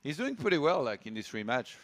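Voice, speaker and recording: A man's voice: mid-range voice, big pitch swings, brisk, fairly bright tone, no echo. A man co-casting a live esports stream, bantering casually with dry, teasing humor. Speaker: esports co-caster.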